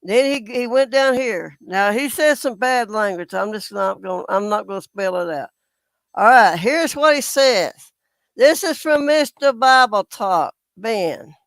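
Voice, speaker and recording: This YouTube commentator has a medium-pitched, fairly bright voice and talks a little slowly, with no room sound. Casual and indignant, he reads viewer comments out loud and dismisses them as ridiculous, addressing everyone as "folks" again and again in an exasperated tone.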